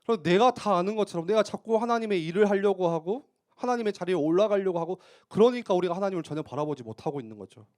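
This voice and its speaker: A male youth pastor delivers a sermon in church with a somewhat high, very animated voice that rises and falls widely. He talks in a conversational way and keeps posing rhetorical questions. He breaks up his points with brisk little affirmations.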